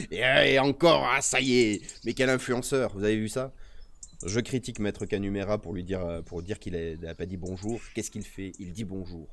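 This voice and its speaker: A man's voice: on the low side, moderate pace, fairly bright tone. A tired-sounding man hosting a nature press review on a live stream, reading articles aloud and breaking off for playful, teasing remarks to his chat. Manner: playful, teasing, mock-indignant.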